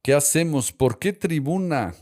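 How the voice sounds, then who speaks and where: A man's voice: on the high side, lively intonation, unhurried, darkish tone. A man hosts a conversational discussion, posing questions to his guests and reflecting aloud. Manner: moderating, poses questions to guests. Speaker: podcast host.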